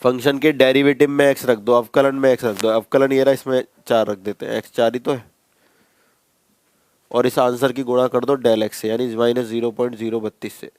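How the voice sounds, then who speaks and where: A man's voice: mid-range voice, level tone, brisk, a little mellow, smooth, no echo. A man teaching a maths class, talking students through each step in a casual, repetitive way and calling them bhai. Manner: conversational, addresses students as bhai, repeats steps. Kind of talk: classroom lecture.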